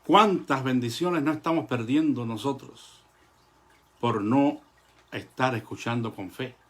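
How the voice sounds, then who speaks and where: Guy preaching, earnest and measured, lots of pauses and eh's, talks to the brothers. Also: mid-range voice. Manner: addresses the congregation as brothers. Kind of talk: sermon.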